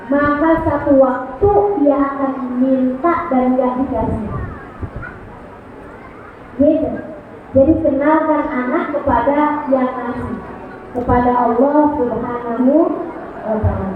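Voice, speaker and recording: In a hall, a woman preacher gives a religious talk to mothers, her high voice moving with a sing-song lilt yet fairly even intonation. She speaks slowly with long pauses, includes Arabic recitations and poses questions to the audience. The recording is tinny and echoey, with a slight hiss or hum.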